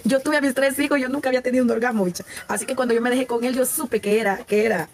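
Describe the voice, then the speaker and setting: A woman's voice: on the high side, steady tone, very fast. A woman in her forties with a Salvadoran Spanish accent, chatting candidly with viewers on a live stream and often restarting her sentences. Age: 40s. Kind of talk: casual live-stream chat.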